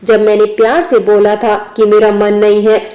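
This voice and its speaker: A woman's voice: medium pitch, monotone, moderate pace, lightly acted. Woman reading as a defiant young woman. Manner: defiant, sharp-tongued. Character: defiant young woman standing her ground.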